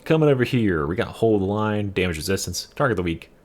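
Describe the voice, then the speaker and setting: A young man with a deep, low voice talks casually through a game build. He explains in a loose way, full of fillers and swearing. A faint hiss sits behind him. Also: lively intonation, fast talker. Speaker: game build guide creator. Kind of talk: casual gameplay commentary.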